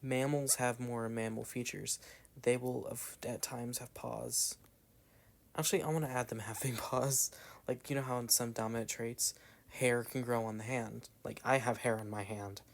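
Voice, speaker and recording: A young gameplay commentator with a Southern American accent chats loosely as he plays, wandering between thoughts with many "like" fillers and asides that trail away. He has a medium-pitched, steady voice with vocal fry and speaks at a moderate pace.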